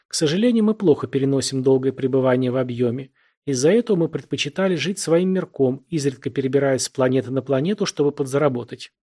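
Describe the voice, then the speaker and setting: A man's voice: mid-range voice, a little mellow. A man voicing a cautious, polite female alien refugee in an audiobook. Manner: careful, earnest.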